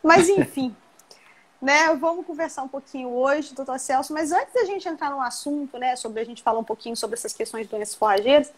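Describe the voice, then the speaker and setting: Hosting a live video-call interview, this woman, a professor, is chatty and affectionate in a warm, casual live-stream style. She's from Rio de Janeiro state, Brazil, has a Minas Gerais Portuguese accent, and speaks a little fast in a high voice on a low-quality recording.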